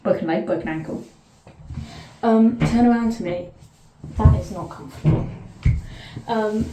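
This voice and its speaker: A vlogger with a southern English accent sits in a bath and chats casually to camera, rambling through asides and cutting herself off mid-thought. Her mid-range voice is unhurried, with a noisy background and echoey bathroom acoustics.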